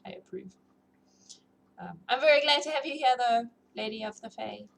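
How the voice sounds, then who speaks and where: A livestream host who reads novels to her audience chats informally and gigglily, her accent combining South African, British and New Zealand traits. She speaks at normal speed in a slightly high voice with lively intonation, over clearly noisy room sound.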